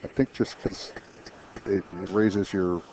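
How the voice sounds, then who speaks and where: A man's voice: low-pitched, fairly even intonation, slow, warm tone. A man commentating a pool match in a chatty way, explaining shots with frequent restarts. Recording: dull lo-fi stream audio with faint noise.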